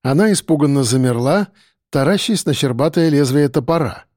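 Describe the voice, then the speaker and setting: A man reading a first-person audiobook narration, steady and matter-of-fact. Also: a little high, moderate pace, dry recording, clean studio sound.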